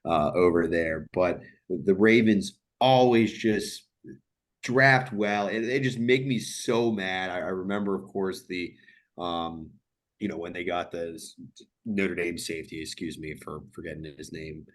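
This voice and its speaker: A man with a very low voice, chatting as a sports podcast co-host. He pauses and restarts often, reaching for names and words. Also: steady tone. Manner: halting, searching for words with many fillers. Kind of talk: casual sports chat.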